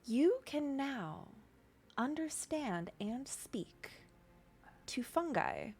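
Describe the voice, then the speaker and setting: A woman's voice: sits high, big pitch swings, drawn-out words, darkish tone, breathy edge. A woman working as game master, casually narrating a tabletop game and chatting with players.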